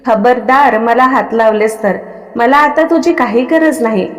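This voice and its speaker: A woman's voice: a little high, measured pace, natural voice. A woman voicing a harsh, arrogant rich young man in a storybook reading, talking coldly and curtly. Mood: contemptuous. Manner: cold and curt, orders people around. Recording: long reverb on the voice.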